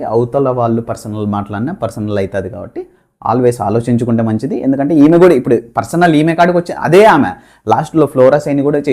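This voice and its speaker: Male commentator, mid-pitch, chatty, opinionated recap, light chuckles. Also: dark tone. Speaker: show commentator. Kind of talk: casual reality-show recap.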